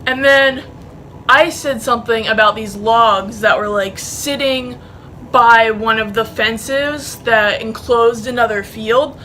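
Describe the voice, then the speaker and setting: A woman's voice: on the high side, slow pace, bright, forceful tone, a little hiss or hum, rough recording. A young woman telling a story in casual vlog style, rambling and profane, with many fillers. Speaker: vlogger.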